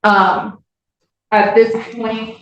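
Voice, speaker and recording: A woman prosecutor arguing in a formal, measured way, heard on a courtroom recording. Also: a little high, flat delivery, background noise. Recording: echoey, distant, dull courtroom audio.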